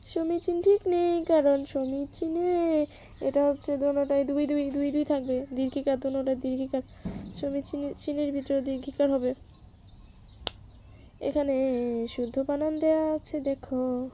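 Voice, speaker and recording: Her high voice stays flat and dark as she leads an exam-prep lesson at a measured pace with long pauses, over slight background noise. She poses questions, answers them herself, and gets listeners to repeat after her in drilling fashion.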